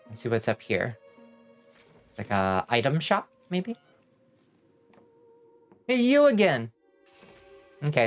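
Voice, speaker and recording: A man streaming a video game, musing aloud in casual live commentary. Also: mid-range voice. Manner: musing aloud to himself and viewers.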